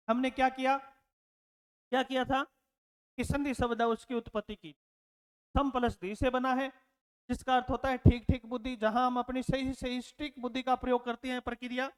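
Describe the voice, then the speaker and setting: A man's voice: very high-pitched, clear, resonant tone, in a large hall. A man teaching a lesson, repeating his words and asking rhetorical questions, calling his learners children. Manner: addresses learners fondly as children. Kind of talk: classroom lecture.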